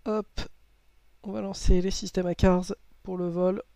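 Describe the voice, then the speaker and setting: A man's voice: sits high, level tone, a little slow, vocal fry, warm tone, no echo. A man giving casual flight simulator commentary in short muttered bursts, close on the mic.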